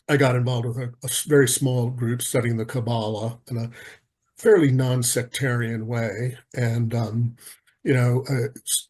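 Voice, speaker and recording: Interview guest, man in his 60s, husky, halting delivery. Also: mid-range voice, darkish tone. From United States. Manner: hesitant, many ums and restarts. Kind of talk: casual interview answers.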